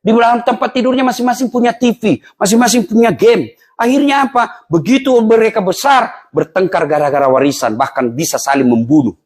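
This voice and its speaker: A man preaching a humorous, animated sermon in a mosque, acting out quoted voices. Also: sits high, fairly quick. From Indonesia. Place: mosque hall.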